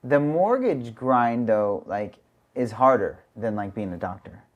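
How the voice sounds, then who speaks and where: A man's voice: mid-range voice, lively intonation, measured pace, muffled recording. Guy hosting a podcast, chill, long rambly questions, says like a lot. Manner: casual, asks long rambling questions with many "like"s. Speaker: podcast host. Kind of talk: casual podcast interview.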